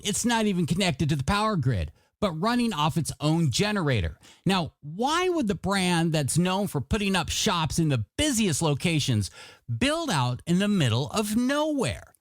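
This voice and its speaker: A radio DJ hosts his show with showy, playful announcer patter while music plays behind him. His voice sits high, and the sound is clean studio audio with no room sound.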